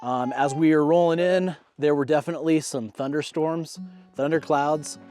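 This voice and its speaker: A man's voice: a little high, steady tone, normal speed, darkish tone, faint music behind. A man talking casually to camera by a campfire at an outdoor campsite, as a camping vlogger. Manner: chatting by a campfire.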